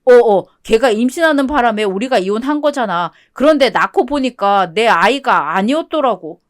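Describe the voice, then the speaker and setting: A woman's voice: fairly high pitch, lively intonation, normal speed, natural voice. A woman voicing a desperate, clingy ex-husband who pleads and pities himself, in a one-voice radio drama reading. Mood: insistent. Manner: pleading, clingy, self-pitying. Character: whiny cheating ex-husband, middle-aged man, desperate.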